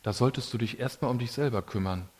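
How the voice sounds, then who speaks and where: A man preaching a sermon to a congregation in a casual, colloquial way, with lively emphasis. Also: mid-range voice, fast, breathy edge.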